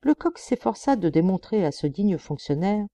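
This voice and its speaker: A woman reading a classic novel aloud as an audiobook, in an expressive, dramatic manner. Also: medium pitch, normal speed, dry recording. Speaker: audiobook reader.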